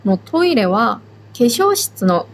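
Woman, podcast language teacher, slightly high voice, calm step-by-step explainer. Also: slow pace, a little hiss or hum, rough recording. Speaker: Korean language instructor. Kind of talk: slow, patient language lesson.

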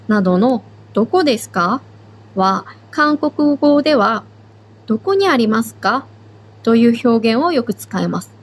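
Woman, podcast language teacher, slightly high voice, calm step-by-step explainer. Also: slight background noise, low-quality recording. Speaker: Korean language instructor. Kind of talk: slow, patient language lesson.

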